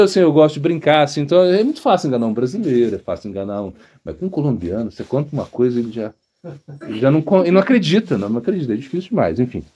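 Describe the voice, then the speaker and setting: A man's voice: medium pitch, dark tone, breathy edge. A man, a monk, giving an informal spiritual talk, telling rambling anecdotes and acting out the people he quotes, often laughing. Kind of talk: informal spoken discourse with anecdotes.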